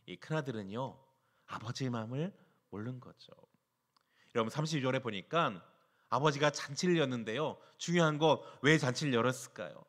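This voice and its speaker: A pastor preaching a sermon in church, putting questions to the congregation and swinging between emphatic rises and hushed, low passages. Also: male voice, fairly quick. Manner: poses rhetorical questions to the congregation.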